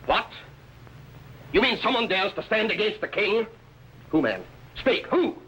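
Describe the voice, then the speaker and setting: A man's voice: high-pitched, sing-song, measured pace, bright, forceful tone, breathy edge, exaggerated voice. An actor playing a haughty, scheming King of England, speaking formally and imperiously in 1950s television drama style. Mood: outraged. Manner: imperious, formal royal speech. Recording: faintly noisy old TV soundtrack.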